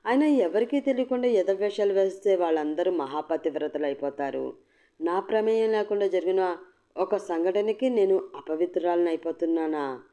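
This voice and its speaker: A woman's voice: fairly low pitch, moderate pace, warm tone, natural voice. Woman voicing a defiant, cutting young woman. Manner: cutting, mocking, firm. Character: defiant young woman, sharp-tongued and unbowed. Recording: dull lo-fi recording.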